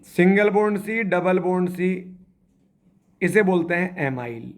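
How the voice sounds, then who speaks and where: A man's voice: high-pitched, lively intonation, a little slow. A man teaching a chemistry class, quizzing the students and repeating their answers as he spells out structures step by step. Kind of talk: classroom lecture.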